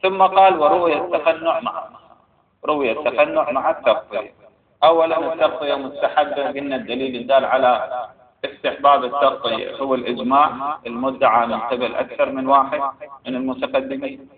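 A man's voice: medium pitch, steady tone, brisk. A man with an Iraqi accent giving a seminary lecture, reading passages aloud and explaining them with frequent hesitations. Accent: Iraqi Arabic. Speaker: religious studies teacher. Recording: phone-like echoey recording with crowd.

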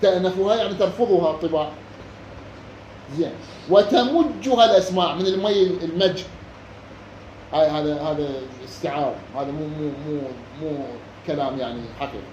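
A man with an Iraqi Arabic accent teaching a classroom lesson, reading a passage slowly, then explaining it and quizzing his students. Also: fairly high pitch, a little mellow, lo-fi sound. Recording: echoey room with faint background noise.

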